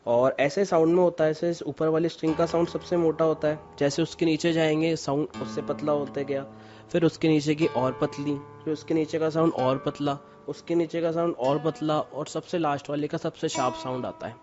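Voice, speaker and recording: A man's voice: fairly high pitch, steady tone, fairly quick. A male guitarist, explaining casually in simple, repetitive words. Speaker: guest guitarist. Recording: dull lo-fi sound with faint music.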